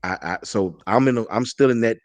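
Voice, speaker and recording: A man with a very low voice rambles in easygoing, slangy talk as a live-stream guest. He stumbles and repeats himself often. The sound is close and dry. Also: brisk, dry recording. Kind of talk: casual chat.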